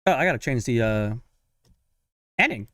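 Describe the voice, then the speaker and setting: A man's voice: medium pitch, lively intonation, fairly bright tone, dry recording, studio quality. A young man chatting casually on a live stream while following a game, talking to himself and his viewers. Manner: chatty, self-talking, sighs of frustration and quick laughs.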